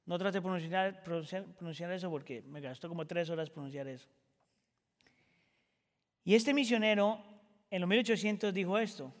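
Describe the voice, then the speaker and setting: A man preaching a sermon as pastor, moving from quiet reflection to impassioned shouting. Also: high-pitched, big-room sound.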